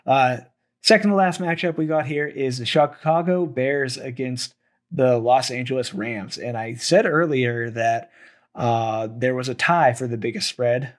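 A man's voice: medium pitch, a little slow. Man hosting a solo betting podcast. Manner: thinks aloud with frequent fillers and restarts. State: losing his voice. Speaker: sports betting podcast host. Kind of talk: solo sports betting talk.

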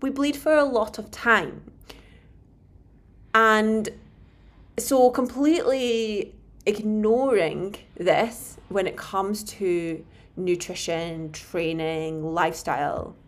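A woman's voice: medium pitch, slow pace. A woman hosting a podcast in a casual, explanatory way, frank and self-deprecating, recorded in a slightly echoey room. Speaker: podcast host and nutritionist. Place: indoor room, home recording.

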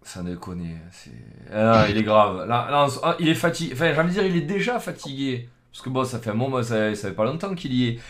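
A streamer with a Southern French accent, joking in slangy, crude talk during a football chat. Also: male voice, medium pitch, very animated, fast talker, few pauses, a bit bright. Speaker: streamer, co-host. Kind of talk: casual football banter.

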